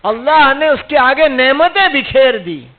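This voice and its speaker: A man preaches a sermon in a strikingly high voice, exhorting his listeners and pressing them with rhetorical questions. The recording is thin and narrow, like a phone line. He comes from India. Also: animated. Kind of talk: religious sermon. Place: mosque gathering.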